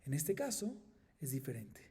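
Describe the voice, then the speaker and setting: Mellow and slightly rough, his mid-range voice swings widely in pitch. The speaker, a middle-aged Colombian rabbi, walks his listeners through a Talmud class step by step, checks in often with "¿sí?", and chants Aramaic passages rapidly.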